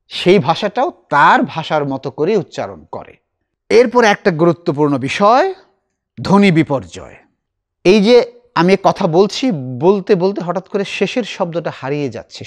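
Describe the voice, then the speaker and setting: A middle-aged man teaching a recitation class, explaining slowly and asking his students questions. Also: fairly high pitch.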